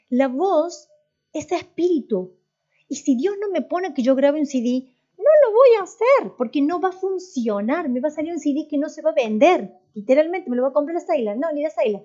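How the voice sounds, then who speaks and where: A woman's voice: high voice, expressive, moderate pace, warm tone. A woman teaching a church class in a conversational way, putting questions to her students and often restarting her sentences. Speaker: worship and voice teacher. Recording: dull lo-fi recording.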